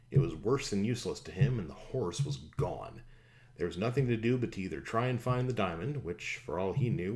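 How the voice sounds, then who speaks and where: A man narrating a fantasy audiobook in a steady, even storytelling manner. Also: low-pitched.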